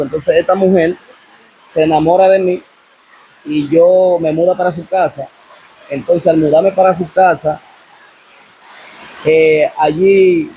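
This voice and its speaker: A man with a Dominican accent recounting his personal testimony as a guest, telling the story step by step and often pausing to ask what happens next. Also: high voice, mellow, slight background noise. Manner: repetitive storyteller, keeps asking "what happens?".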